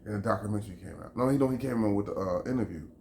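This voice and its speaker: Racing along in a fairly low, creaky, dark voice with a little hiss or hum, a Chicago vlogger rants to camera. He's heated, emphatic and profane, repeating himself as he gives his opinions in an echoey room with faint background ambience.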